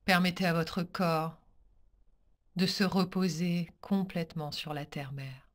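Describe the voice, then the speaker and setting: A low-voiced woman, a yoga nidra teacher, guides a meditation practice with short, soothing instructions. She talks very slowly and calmly, leaving pauses between measured phrases.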